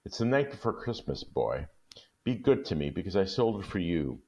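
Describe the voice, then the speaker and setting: A man's voice: big pitch swings, normal speed, a little mellow. A man voicing a pleading young wife. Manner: pleading, raised pitch.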